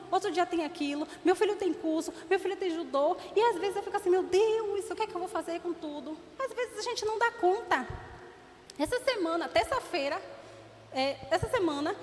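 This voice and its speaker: High-voiced woman preaching. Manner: animated storytelling, acting out dialogue. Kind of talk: sermon. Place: church hall. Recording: reverberant church hall, faint noise.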